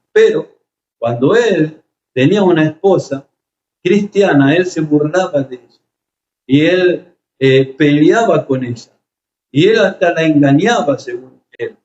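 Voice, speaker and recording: A man's voice: on the high side, darkish tone, slight background noise. A man preaching a sermon, telling stories with emotion and frequent hesitations. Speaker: pastor. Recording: echoey, slightly dull room recording.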